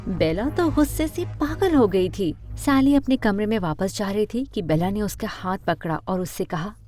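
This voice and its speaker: A woman narrating an animated story in a steady, scripted storytelling manner. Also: medium pitch, normal speed, faint music behind.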